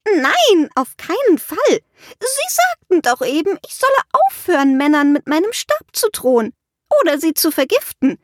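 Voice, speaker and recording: Prim, giggly storybook witch, voiced by a woman narrator, high and lecturing. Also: huge pitch swings, normal speed, no room sound, clean studio sound, full character voice. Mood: smug.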